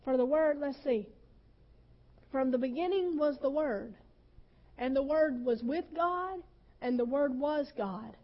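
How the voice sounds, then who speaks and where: A woman pastor preaching a sermon with passion, her voice sometimes breaking with emotion and swinging between loud and soft. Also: sits high, a little slow, pauses often, lo-fi sound.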